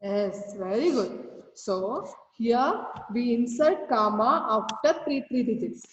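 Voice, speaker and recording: A woman teacher with an Indian English accent, explaining a math lesson over a video call, slow and repetitive. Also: on the high side, lively intonation. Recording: roomy, distant, dull call audio with faint noise.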